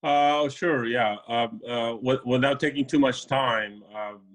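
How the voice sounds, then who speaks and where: A man from Afghanistan speaks as a guest in a casual interview, his voice sitting at an ordinary middle pitch. He talks haltingly, filling pauses with ums and uhs and restarting his sentences. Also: fairly bright tone, poor audio. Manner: hesitant, many fillers and restarts. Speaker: immigration lawyer guest.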